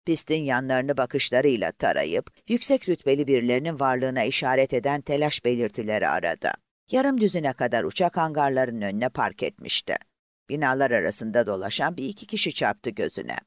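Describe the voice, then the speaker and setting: Expressive male audiobook narrator. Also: medium pitch, a little fast, no echo, clean studio sound. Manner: expressive, voices the characters.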